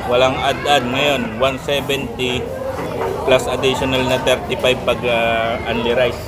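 A man's voice: mid-range voice, little pitch movement, unhurried. Man talking with his mouth full. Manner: chatty, laughs between bites. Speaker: vlogger. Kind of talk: casual mukbang vlog chat. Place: busy restaurant, indoors. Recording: loud crowd and background noise. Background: crowd chatter and loud noise.

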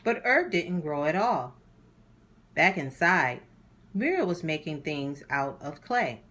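A woman with a deep voice hosts a children's read-aloud, narrating a storybook deliberately and with animation for young listeners.

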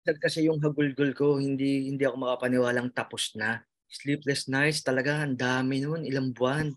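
A man's voice: mid-range voice, fairly even intonation, a little fast. A Filipino man with a Filipino accent, a nurse telling his story in an emotional interview, earnest and full of restarts and fillers, often calling the host sir. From Philippines. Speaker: interviewee, nurse who passed the licensure exam.

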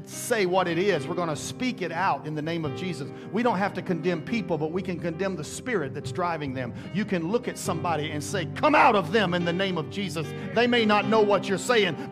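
A middle-aged man preaches from a church stage in a fairly high voice, swelling into emphatic calls and stretching out scripture lines. He speaks into a headset mic, and guitar music plays clearly behind him. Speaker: pastor. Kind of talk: sermon.

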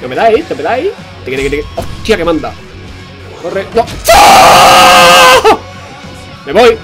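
A man commentating a video game, excitable, swearing and joking to his viewers. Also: on the high side, brisk, loud music behind the voice. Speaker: gaming commentator. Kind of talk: let's play commentary.

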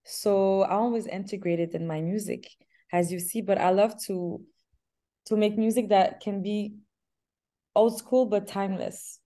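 Mellow-voiced young woman from Canada, halting video-call interviewee. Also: mid-range voice, steady tone. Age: young adult. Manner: hesitant, restarts often, laughs softly. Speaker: singer interviewee. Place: small room indoors. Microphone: laptop webcam on video call.

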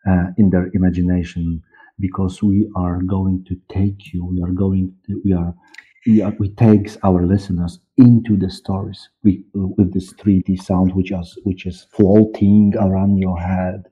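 A Polish man in his forties, a guest who directs and produces audio dramas, answers interview questions unscripted, haltingly hunting for words and repeating himself. His voice is low and breathy-edged with little pitch movement. He's on a video call from a dark room, and the audio is muffled and phone-like.

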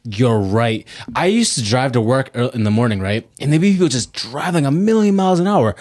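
A man's voice: mid-range voice, expressive, a little fast, a little mellow. A man hosting a casual chat, laid-back, laughing often and repeating himself. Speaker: host.

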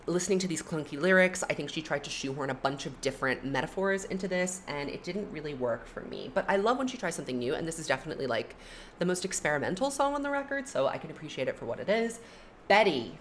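A woman's voice: low voice, quick pace, a little hiss or hum. A young adult woman talking casually as she ranks songs, chatty and opinionated, with many "like" fillers. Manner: animated, chatty, frequent "like" fillers. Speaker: music commentary YouTuber. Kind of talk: casual opinionated album ranking.

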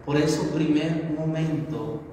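A middle-aged man preaches at a baptism mass, listing virtues and sins one after another. His voice sits a little high. It reaches the camera from across a small, very echoey chapel with a long reverb tail. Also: unhurried, mellow, slight background noise. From Colombia. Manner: preaching in lists, asks the congregation questions. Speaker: priest. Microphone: handheld mic, far camera. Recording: echoey chapel, voice heard from far off.

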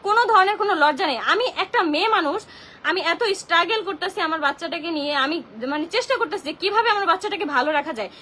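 A woman's voice: very high-pitched, expressive, rapid-fire, bright, forceful tone, a little hiss or hum. A young woman venting on a phone livestream, heated and indignant and full of rhetorical questions. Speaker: social media livestreamer. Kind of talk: livestream rant.

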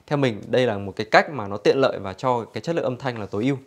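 A man's voice: mid-range voice, expressive, racing. A man giving an infomercial-like product demonstration for a store, explaining conversationally to customers.

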